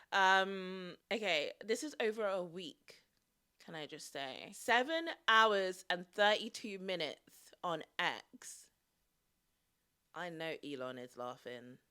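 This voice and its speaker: Bright-voiced young woman with slight vocal fry. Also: mid-range voice. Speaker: YouTube vlogger. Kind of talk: casual chatty vlog talk to camera.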